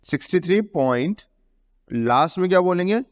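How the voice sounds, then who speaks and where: A high-pitched, animated man teaches a math lesson at normal speed, his accent Indian English. He often asks a question and then answers it, repeats key terms, and slips English terms into his Hindi explanation; the recording carries a long reverb.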